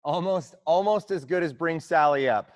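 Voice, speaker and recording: A young man coaching an online workout class, explaining squat technique and counting slow tempo reps aloud in an encouraging way. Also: on the high side, dry recording, dull audio. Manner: encouraging, counts reps loudly in a steady cadence. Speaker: fitness coach. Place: gym.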